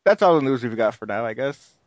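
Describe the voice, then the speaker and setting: A man's voice: mid-range voice, lively intonation, fast, no echo, dull audio. A man co-hosting a casual video game chat show, laid-back and trailing off into shrugs. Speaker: podcast co-host.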